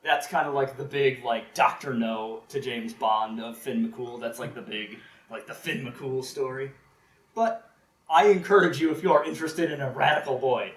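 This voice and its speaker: A man telling folklore stories live at a convention, casual and animated, laughing often and saying "like" a lot. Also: medium pitch. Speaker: storyteller. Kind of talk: live storytelling talk. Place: convention room, live audience. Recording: ambient roomy live recording.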